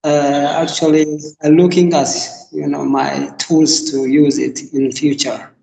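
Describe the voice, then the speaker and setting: A man from Ethiopia speaks very slowly and with care, in a mellow, somewhat high voice. His call audio carries a long, roomy echo and faint hiss. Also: little pitch movement, gravelly. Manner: slow, careful, hesitant non-native phrasing. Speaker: university computer teacher. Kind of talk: casual conversation practice. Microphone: online call.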